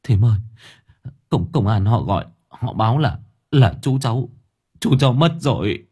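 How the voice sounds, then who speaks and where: A man's voice: medium pitch, animated, moderate pace, darkish tone, husky. A man voicing a shaken village man who stammers with a choked, broken voice. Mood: stammering grief.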